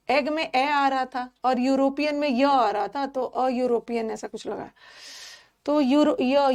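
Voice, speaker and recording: A woman teaching a class, explaining pronunciation slowly and repeating each sound for her students. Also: sits high, darkish tone. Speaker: English teacher. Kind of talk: classroom lesson.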